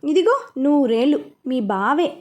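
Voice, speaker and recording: A woman's voice: high-pitched, animated, unhurried. A woman voicing a chatty middle-aged aunt who teases her niece. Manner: chatty, teasing.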